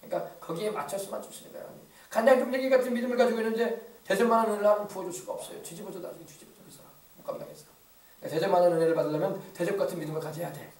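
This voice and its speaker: A man's voice: sits high, racing, a little mellow. A man preaching a rousing sermon as a pastor, with a regional Korean accent from the Yeosu area. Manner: rousing call-and-response preaching. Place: church sanctuary. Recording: echoey church from far off.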